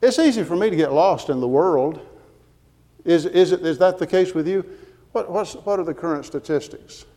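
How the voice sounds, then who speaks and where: Male preacher, earnest and emphatic sermon delivery, voice a bit high, long hall reverb. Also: expressive, moderate pace, mellow. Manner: earnest, emphatic, quotes scripture with references.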